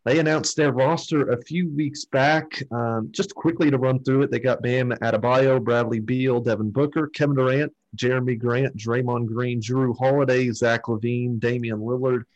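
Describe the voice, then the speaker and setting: A man's voice: medium pitch, steady tone, moderate pace, hardly any pauses, muffled recording. A man hosting a casual sports chat, who runs through team lists and puts questions to his co-hosts. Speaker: podcast host.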